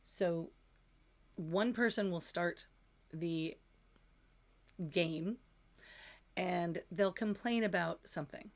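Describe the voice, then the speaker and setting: A woman's voice: fairly low pitch, takes it slowly, pauses often. A woman teaching manifestation in a casual, candid, conversational way, with a touch of self-deprecation.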